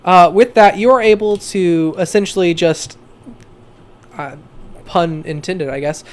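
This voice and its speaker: A man's voice: sits high, a little slow, slight background noise. Hesitant man running a tabletop game. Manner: hesitant, full of fillers. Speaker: game master.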